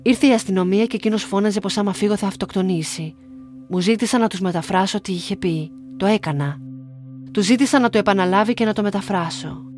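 This is a young woman from Greece reading a personal story in a steady, measured voice. Her pitch sits in the middle range. Quiet music plays faintly underneath. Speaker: narrator. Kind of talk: scripted first-person narration.

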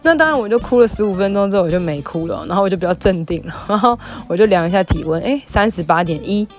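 A woman's voice: medium pitch, quick pace, faint music behind. A young woman, a psychologist hosting her own show and chatting through a personal story with lots of fillers. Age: young adult. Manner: chatty, animated retelling with many fillers. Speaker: podcast host, psychologist. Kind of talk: casual storytelling monologue.

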